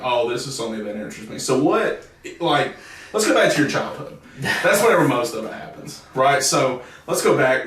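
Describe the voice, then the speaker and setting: A young man hosting a casual podcast chat, rambling and stumbling over his words. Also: mid-range voice. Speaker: podcast host. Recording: roomy echo, mic at a distance.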